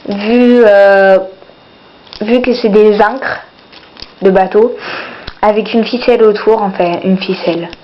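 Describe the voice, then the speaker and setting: This vlogger shows off what she bought in the sales while nursing a cold and a runny nose, speaking at medium pitch with fairly even intonation. She goes slowly, pausing often, hesitant and full of fillers, repeating "voilà" again and again. Slight background noise sits under a dull, distant, echoey lo-fi home recording.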